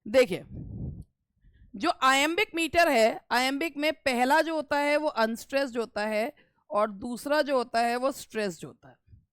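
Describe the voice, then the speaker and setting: A woman's voice: sits high, a little slow, fairly bright tone, clean tone, no room sound. A woman teaching English literature terms for exams, explaining step by step in a mix of Hindi and English and repeating the key terms. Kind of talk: exam-prep lecture mixing Hindi and English.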